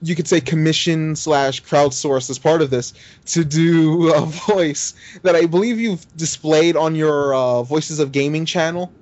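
Upbeat higher-voiced podcast co-host. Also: male voice, fairly even intonation, unhurried, hardly any pauses, darkish tone, no room sound, muffled recording. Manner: laughs easily, enthusiastic fan. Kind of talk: casual podcast chat.

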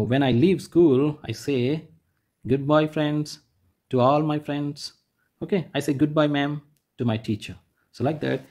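Working through a textbook lesson with children, this man repeats every point and patiently puts it another way, showing them "like this" as he points. His medium-pitched voice is mellow with a breathy edge.

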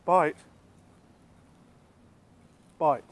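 A young man filming a ghost hunt outdoors at night, reacting loudly and questioning a ghost app. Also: drawn-out words, background noise. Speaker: ghost hunting vlogger. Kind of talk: casual night exploration vlog. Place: outdoors at night on old hospital grounds.

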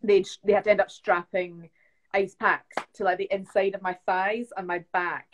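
A woman's voice: mid-range voice, level tone, normal speed, highs cut off, slight background noise. A young woman from the UK, chatting casually as a guest on a phone live stream, with lots of fillers like "like" and "um". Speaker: actress guest. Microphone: phone on a video live stream.

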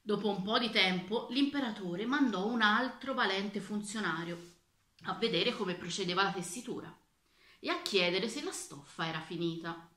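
A woman reads a children's storybook aloud with lively, expressive storytelling. Her voice is bright and clear, at a middle pitch. The recording carries a noticeable room echo. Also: moderate pace. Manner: expressive, varied read-aloud delivery.

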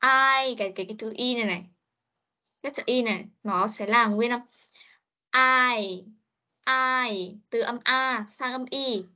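Woman teacher, slow repetitive pronunciation drills, higher voice, muffled video call audio. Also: sharp tone. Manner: drills sounds slowly, repeating each word several times. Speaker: English teacher. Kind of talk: online pronunciation lesson. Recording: muffled online meeting audio.

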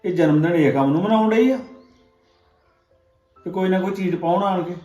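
A woman's voice: on the low side, normal speed, dark tone, close to an everyday voice. An actress playing a worried older village mother with a Punjabi accent, consoling and indignant, in a dull echoey recording with faint music.

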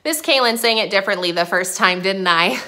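A young woman teaching an online preschool lesson, talking gently and sing-song to small children. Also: medium pitch, brisk.

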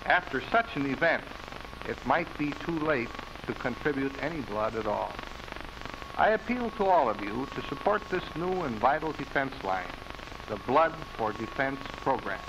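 An earnest man makes an urgent, measured public service appeal in the style of an old 1950s newsreel. His voice sits at an ordinary middle pitch. A clear layer of hiss and noise runs under the whole recording. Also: lively intonation. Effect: old 1950s newsreel broadcast sound.

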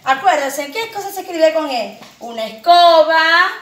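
Preschool teacher woman, slow and drawn-out, recorded from a distance in a hollow room. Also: extremely high pitch, expressive, a bit bright, echoey room. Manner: slow sing-song, drawn-out words, coaxing questions to children. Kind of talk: online phonics lesson for young children.

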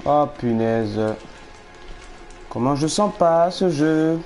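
A fairly high-voiced man talks through a horror game in a mellow, darker tone, jittery and nervous, repeating himself when scared. His voice is getting hoarse, and a faint hiss sits under the recording. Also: slow. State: losing his voice. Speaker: gamer commentating a horror game. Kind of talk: live horror game commentary.

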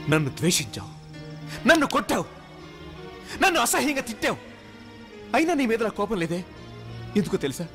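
An obsessive, pleading young lover. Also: male voice, high-pitched. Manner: pleading, then mocking. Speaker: film hero. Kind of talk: Telugu film drama acting. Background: film score music.

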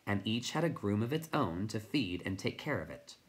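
A man reading a children's novel aloud as a teacher, in expressive storytelling narration. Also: fairly low pitch, normal speed.

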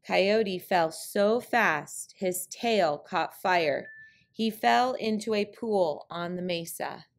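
A woman with a medium-pitched voice reads a trickster tale picture book aloud as scripted narration. Her storytelling is deliberate and clearly phrased.

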